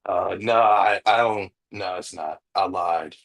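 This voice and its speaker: A man's voice: low-pitched, a little slow. A man arguing back on a stream, defensive, tacking "all right?" onto his answers. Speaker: guest on a stream. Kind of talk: heated argument on a live stream.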